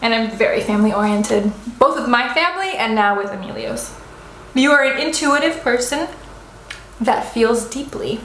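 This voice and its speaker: Eating on camera in a restaurant, a twenty-something woman from the United States chats casually, answering what viewers assume about her while rambling with frequent fillers and restarts. She's expressive, with a fairly high, fairly bright voice at a moderate pace, and the recording is rough and roomy with slight background noise.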